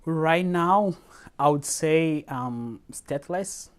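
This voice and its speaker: Lively young storyteller from Tanzania. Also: mid-range voice, takes it slowly. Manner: lively storyteller, laughs often, acts out quoted dialogue. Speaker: interviewee. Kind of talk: personal interview storytelling.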